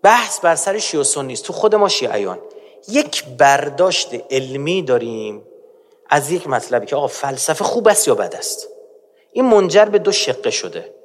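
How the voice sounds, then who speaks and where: Man, preacher, emphatic lecture, fairly high voice, long hall reverb. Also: sing-song. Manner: emphatic, keeps urging the audience to listen. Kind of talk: religious lecture.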